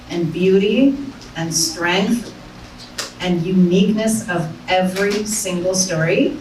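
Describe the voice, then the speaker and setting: A woman hosting a live storytelling show, introducing storytellers in slow, measured phrases. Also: medium pitch. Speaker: event host. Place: screening room venue, stage. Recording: echoey room, mic far off, faint hiss.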